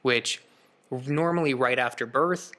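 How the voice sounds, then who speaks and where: A man in his thirties, a podcast co-host, telling a personal story in a lively, casual way with quick asides. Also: mid-range voice.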